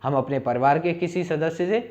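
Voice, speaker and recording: A man's voice: on the high side, normal speed, darkish tone, highs cut off. A male teacher giving a spoken-English lesson, asking questions and answering them himself in repeat-after-me drills.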